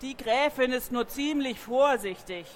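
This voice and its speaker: Woman playing a slow, grumbly old gelding. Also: sits high. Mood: reassuring.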